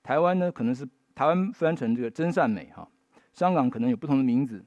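Animated Mandarin-speaking male preacher. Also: medium pitch, fast, dry recording, highs cut off. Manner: animated, rising to emphatic bursts, folksy tag particles. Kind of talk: sermon with storytelling.

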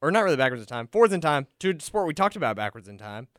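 A young man co-hosting a college radio sports show, chatty and animated with some hesitant fillers as he sets up games in a studio. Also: on the high side, rapid-fire, smooth, no room sound. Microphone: studio microphone.

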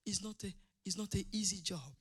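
A middle-aged Rwandan pastor delivers an impassioned sermon in a high-pitched, brisk voice with a breathy edge. He's emphatic and repetitive, swinging between quiet asides and loud declamation.

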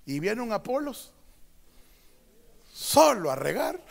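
A man preaching a sermon as a pastor, switching between quiet teaching and loud, drawn-out proclamations. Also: fairly high pitch, big pitch swings. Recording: long hall reverb.

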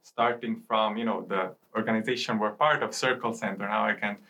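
A man's voice: on the low side, fairly even intonation, fairly quick, sharp tone. A young man from Italy, a student guest in a studio, explaining things with many hesitations and restarts. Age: young adult. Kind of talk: casual interview talk.

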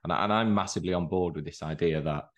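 A man's voice: sits low, fast talker. A man hosting a podcast and interviewing a guest in a conversational way, with frequent restarts. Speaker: podcast host.

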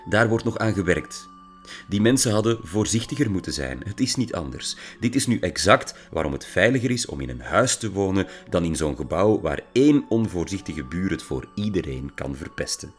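A dry, clipped father with a sardonic edge, read by a man in an audiobook. He keeps his words measured and a little cutting. A music bed runs quietly behind. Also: sits low, expressive. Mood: lecturing. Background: background music.

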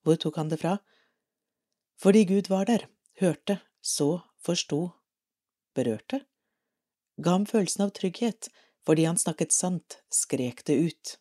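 A Norwegian woman reading a devotional article aloud for an audio edition of a parish magazine, calm and measured. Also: fairly low pitch.

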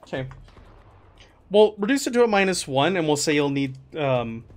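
A man's voice: on the high side, normal speed, faint music behind. A man running a tabletop game as game master, narrating casually with lots of fillers and laughs. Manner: relaxed, filler-heavy, laughs often.

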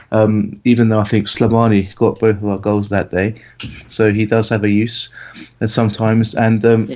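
A man in his thirties from England, co-hosting a football podcast in a relaxed, rambling way with many fillers. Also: on the low side. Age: 30s. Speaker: podcast co-host. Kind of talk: casual chat. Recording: dull lo-fi audio.

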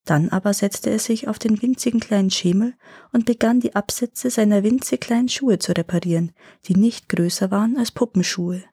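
A woman storyteller reading a fairy tale aloud. Her narration is gentle and measured, with a mellow, slightly husky voice. The recording is close and dry. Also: medium pitch, no echo.

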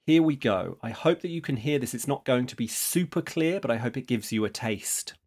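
A man hosting a podcast, reading a script with a measured, explanatory delivery. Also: mid-range voice, expressive, darkish tone. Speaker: podcast host.

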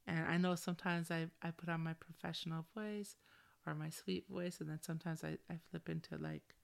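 A woman's voice: on the low side, level tone, brisk, creaky. A middle-aged woman talking candidly on a solo podcast in a chilled, slangy way, with a valley-girl habit of peppering sentences with "like". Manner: valley-girl style with frequent "like". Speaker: podcast host.

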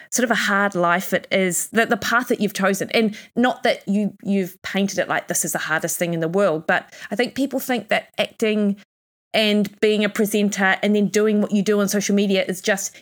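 A woman hosts a podcast in a medium voice, talking things through in an easy, conversational way. Her remarks come across as reflective and considered. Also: mid-range voice. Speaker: podcast host. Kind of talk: casual chat.

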